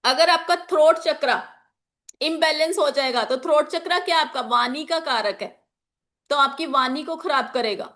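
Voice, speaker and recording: A high, fairly bright female voice at a normal pace teaches an informal online class on chakras and magical oils. Her throat is slightly sore as she works through each point with examples, repeating key phrases for students and slipping English terms into her speech.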